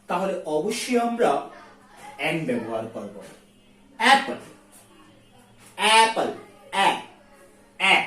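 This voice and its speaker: A woman teaching an English grammar lesson, repeating each sound slowly to drill it. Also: medium pitch. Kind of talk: explaining grammar in a video lesson. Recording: echoey room, far from the mic.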